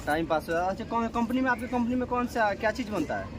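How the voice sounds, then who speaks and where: Male vlogger, Bhojpuri accent, high-pitched voice, chatty and repetitive, casual talk over noisy street ambience. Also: lively intonation, fast talker. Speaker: vlogger and shopkeeper. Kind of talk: casual vlog chat to camera. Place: at a shop in a market.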